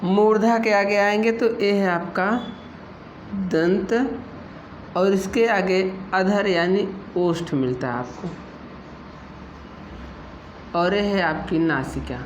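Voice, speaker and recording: A woman teaching an exam-prep Hindi lesson, explaining slowly and patiently and asking her students questions as she goes. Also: medium pitch, muffled recording. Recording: echoey room with faint noise.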